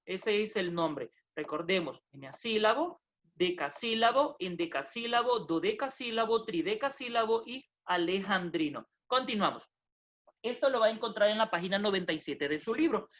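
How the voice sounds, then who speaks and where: A woman's voice: mid-range voice, expressive, normal speed. A woman teaching a recorded lesson, explaining step by step in a patient, repetitive way, often adding checking questions and correcting herself. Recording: dull lo-fi recording.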